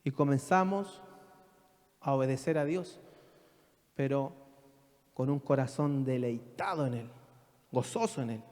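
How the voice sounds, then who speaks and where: A man's voice: mid-range voice, a little slow, long pauses, darkish tone. A man, a pastor preaching a sermon and firing rhetorical questions at his congregation. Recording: long reverb of a church hall.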